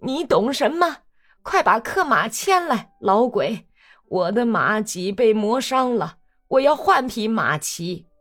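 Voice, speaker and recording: A woman voicing a brutal male cavalry soldier who barks rough orders. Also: fairly high pitch, very animated, slow, fairly bright tone, exaggerated voice. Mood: harsh.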